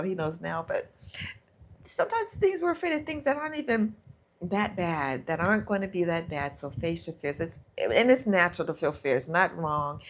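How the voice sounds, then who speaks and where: A middle-aged woman hosting a casual motivational live stream, talking herself through fears aloud and reading comments from viewers. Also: fairly low pitch. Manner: warm encouraging, talks to herself aloud, reads viewer comments. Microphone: handheld or clip mic.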